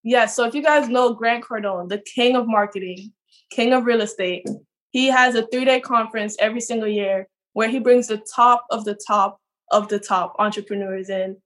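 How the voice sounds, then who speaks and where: A woman's voice: on the high side, steady tone, normal speed, fairly bright tone. A nineteen-year-old woman from Trinidad, eagerly telling her story as a podcast guest over a video call. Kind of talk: casual podcast interview.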